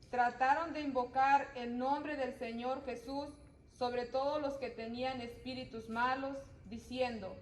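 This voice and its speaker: Woman reading scripture in an echoey room. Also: high voice. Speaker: group member reading scripture aloud. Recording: echoey room, faint noise.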